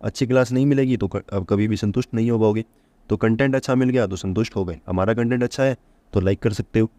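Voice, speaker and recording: A man with a lowish voice teaches an exam-prep vocabulary lesson. He quizzes the listener with rhetorical questions and answers each one himself. He drills every point by repeating it, and the sound is close and dry. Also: quick pace, warm tone, no echo. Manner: repeats key points to drill memory tricks.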